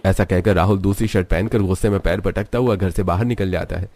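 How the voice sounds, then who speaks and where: A man narrating a family cartoon story in a steady scripted storytelling way. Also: low voice, fast talker, dry recording.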